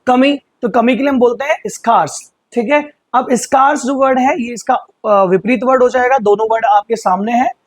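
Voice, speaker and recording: A man teaching English vocabulary in Hindi, explaining patiently and slowly repeating words for pronunciation. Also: extremely high pitch, no room sound. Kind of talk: vocabulary lesson.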